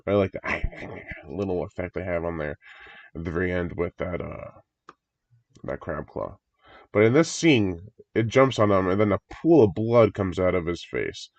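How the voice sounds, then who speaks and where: A man whose voice is congested from a recent cold rambles eagerly as he reacts to a horror movie trailer, chuckling often. His voice sits low at a moderate pace, and the lo-fi home recording sounds dry and dull.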